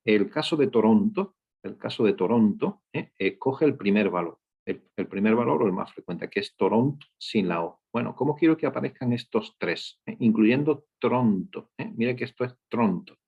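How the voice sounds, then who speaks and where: With a lowish, husky voice, vocal fry and lively intonation, a male data instructor moves at a moderate pace through a screen-share coding lesson. He explains step by step and keeps asking "¿eh?" and "¿ok?" after nearly every point. The recording is dull lo-fi.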